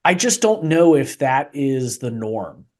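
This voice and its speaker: A man's voice: mid-range voice, sing-song, takes it slowly, a little mellow. A man co-hosting a business podcast, talking in a dry, sarcastic way with some hesitant restarts. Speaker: podcast co-host. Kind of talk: casual podcast chat.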